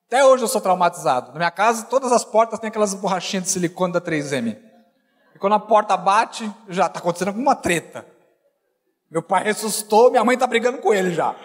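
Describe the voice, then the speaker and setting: Pastor guy preaching, really high voice, tells stories then gets loud, big echoey church. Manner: conversational preaching with anecdotes, rising to forceful exhortation. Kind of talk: sermon. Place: church hall. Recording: church hall reverb.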